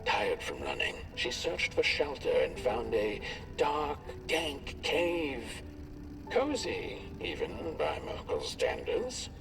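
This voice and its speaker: A man narrating a fairy-tale story for a game in an expressive storybook style. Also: mid-range voice, slow. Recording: distant voice with music behind.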